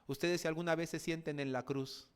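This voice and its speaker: A pastor with a Mexican accent preaching an evening sermon, dramatic, swinging between quiet reflection and forceful declarations. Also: male voice, a little high, steady tone, brisk, smooth.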